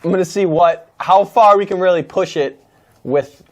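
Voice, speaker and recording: Man, brash, crude slang, laughing, a bit high-pitched. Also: moderate pace. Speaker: panelist. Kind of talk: casual comedy chat.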